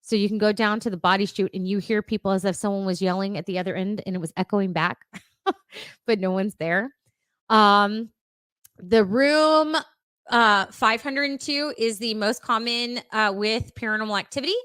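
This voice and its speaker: A woman's voice: medium pitch, normal speed, fairly bright tone, smooth, no room sound. A woman co-hosting a casual podcast, chatty and laughing often, with lots of fillers. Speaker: podcast co-host. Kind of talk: casual chat.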